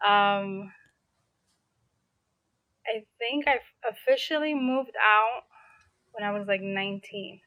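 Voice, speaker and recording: Speaking slowly with long pauses, this medium-pitched young woman from New York City chats as a podcast guest in a casual interview, peppering her speech with "like" and restarting sentences. There's no echo, but the highs are cut off.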